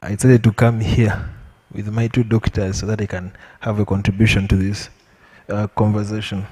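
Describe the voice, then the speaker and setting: A Ugandan-accented man, a panelist at a public lecture, gives an impromptu answer to the audience, measured and emphatic with repetition. Illness leaves his slightly low, level, somewhat mellow voice a bit weak, with a breathy edge. The lecture hall echoes with long reverb.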